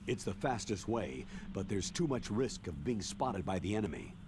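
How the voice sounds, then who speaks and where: A man's voice: low voice, big pitch swings, normal speed. A man voicing an authoritative, earnest colonel giving a military briefing in a video game. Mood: grave, businesslike. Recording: clear background noise.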